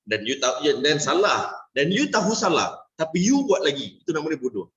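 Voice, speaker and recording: A man's voice: fairly high pitch, big pitch swings, fairly quick, a bit bright. A man with a Malaysian accent teaching a workshop class as a business sales coach, switching between Malay and English and checking in with "alright?" after nearly every point. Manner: playful, acts out little dialogues. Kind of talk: workshop lecture to a live class. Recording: echoey room, dull lo-fi sound.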